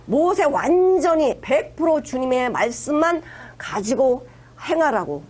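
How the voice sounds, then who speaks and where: A woman's voice: sits high, lively intonation, a little slow, a little mellow. A woman pastor preaching a conversational sermon, retelling scripture with acted-out quotes and emphatic asides.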